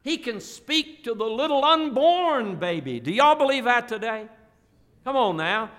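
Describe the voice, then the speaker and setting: A man preaching a sermon as pastor, slow emphatic drawn-out phrases and folksy asides. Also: extremely high pitch, sing-song, fairly bright tone. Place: church auditorium. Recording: long reverb of a church hall.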